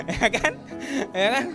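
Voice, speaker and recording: A woman teaching a Sunday school class for children, leading them through a counted Bible verse recitation in a playful way. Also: medium pitch. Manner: playful, acts out children's voices as examples.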